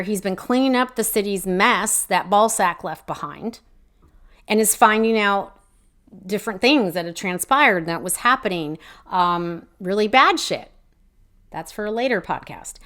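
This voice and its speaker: A woman talks through her own podcast in a casual, heated rant. She swears freely, stumbles and restarts, and keeps circling back to her points with growing indignation. Her voice sits at an ordinary middle pitch. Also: fairly bright tone. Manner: profane, indignant, rambling with fillers and restarts. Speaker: podcast host. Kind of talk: casual ranting commentary.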